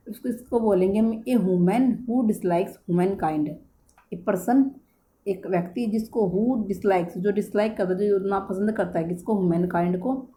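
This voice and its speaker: A woman's voice: medium pitch, warm tone, slight background noise. A woman from India teaching English vocabulary in Hindi, repeating words and correcting herself as she goes.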